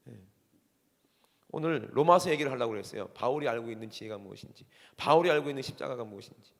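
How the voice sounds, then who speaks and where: Gravelly male pastor preaching in a reverberant church. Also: medium pitch. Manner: impassioned preaching, swinging from shouts to hushed tones. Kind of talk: sermon. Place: church sanctuary. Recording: church hall with long reverb.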